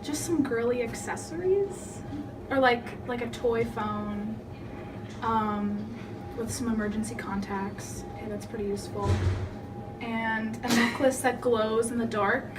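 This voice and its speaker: Hesitant eighteen-year-old woman, slow and unsure. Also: fairly high pitch, steady tone. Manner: hesitant, full of fillers, giggly. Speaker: student. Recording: distant mic, background noise.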